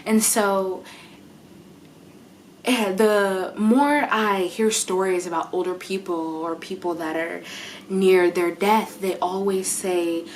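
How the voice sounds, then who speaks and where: Woman doing a motivational vlog, chatty and encouraging, mid-pitched voice. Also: fairly even intonation, slow pace, slight background noise. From United States. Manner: earnest, conversational, encouraging. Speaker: vlogger. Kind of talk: motivational talk to camera.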